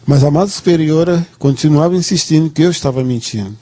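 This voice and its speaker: A man's voice: on the high side, fairly quick, warm tone, no room sound. A man giving a personal testimony to a church audience, telling his story earnestly and restarting phrases as he goes.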